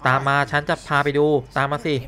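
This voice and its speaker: A man voicing a brash, pushy woman tow-truck hustler from a game, reading her lines quickly and flatly. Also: natural voice. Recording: game sound behind the voice.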